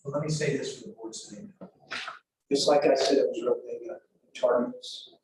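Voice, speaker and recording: A man's voice: medium pitch, expressive, normal speed. A man addressing a school board at a public meeting in a blunt, self-described sarcastic way. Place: meeting room. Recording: echoey room mic from a distance with hiss.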